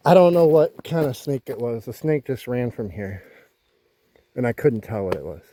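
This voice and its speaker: A man's voice: mid-range voice, very animated, moderate pace, dark tone. A man casually narrating his vlog outdoors on a houseboat, explaining a repair while he works. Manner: easygoing, explains while working with his hands. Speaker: vlogger.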